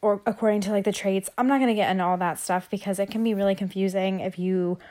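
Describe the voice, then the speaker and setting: A woman's voice: mid-range voice, fairly even intonation, fast talker, warm tone. A young woman hosting a casual podcast monologue, talking loosely with many fillers and audible heavy breathing. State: breathing heavily. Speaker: podcast host.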